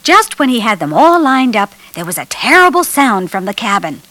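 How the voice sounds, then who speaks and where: A woman's voice: a little high, sing-song, normal speed, pushed and bright, no room sound. A woman reading a children's storybook aloud as narrator, telling it expressively.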